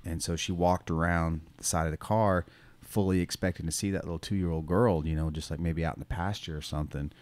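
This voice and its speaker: A man's voice: low voice, a little fast, no room sound. A man, a schoolteacher co-hosting a podcast, telling a story casually with lots of fillers and the odd laugh. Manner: relaxed, rambling, many fillers like "you know" and "um"; laughs now and then while telling stories.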